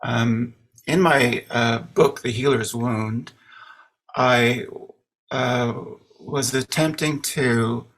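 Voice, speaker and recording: A man's voice: mid-range voice, steady tone, extremely slow, a bit bright. A man from American Samoa, an artist and poet, speaking unscripted on a panel with many fillers and restarts.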